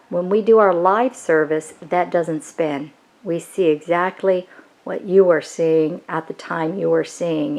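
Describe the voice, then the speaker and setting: Brief: woman pastor, slightly low voice, chatty and explanatory, casual home-studio tour. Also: vocal fry, rough recording. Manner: chatty and explanatory, with small self-corrections. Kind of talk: casual walkthrough of a church video setup. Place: house set up as a makeshift worship studio.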